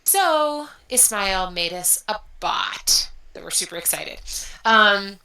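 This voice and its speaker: A woman's voice: medium pitch, expressive, takes it slowly, bright, forceful tone, reverberant, poor audio. A woman chatting casually in an online group call, upbeat and giggly, running through event announcements. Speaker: community event organizer.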